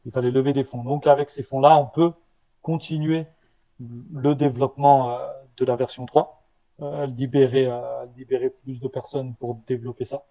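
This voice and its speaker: Man, founder guest, warm mellow tone, slight stutter, halting restarts. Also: medium pitch, flat delivery, poor audio. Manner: halting, with restarts and repeated words. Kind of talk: casual interview answers.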